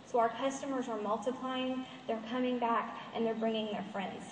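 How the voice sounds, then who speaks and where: A woman's voice: fairly high pitch, fairly even intonation, normal speed, noisy background. A woman giving an earnest, emotional motivational talk at a conference, telling a story. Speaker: conference speaker. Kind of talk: motivational presentation. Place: large conference hall. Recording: echoey hall, far from the mic.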